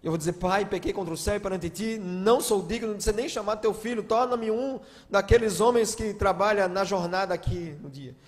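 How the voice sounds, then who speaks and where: A guest pastor, preaching a sermon and telling stories, moving from hushed to loud emotional appeals. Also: male voice, high voice, brisk, few pauses. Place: large church hall. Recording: long church-hall reverb.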